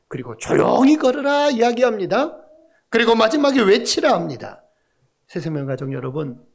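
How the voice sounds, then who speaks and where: A pastor preaching a Sunday sermon in a church, asking the congregation questions and joking with the children. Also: mid-range voice. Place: church sanctuary.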